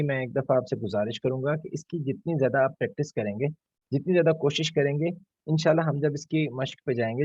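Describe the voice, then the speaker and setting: Guy teaching quran recitation online, a bit husky, patient, says each sound slow and twice, dull dry lo-fi audio. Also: medium pitch, a little mellow, dry recording. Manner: patient, repeats each letter sound slowly as a model. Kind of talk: online tajweed lesson. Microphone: online class call.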